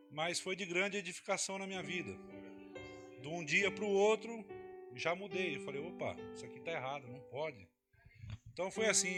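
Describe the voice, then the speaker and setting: A man giving an emotional, earnest personal testimony in church, telling his story with frequent tag questions. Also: fairly high pitch.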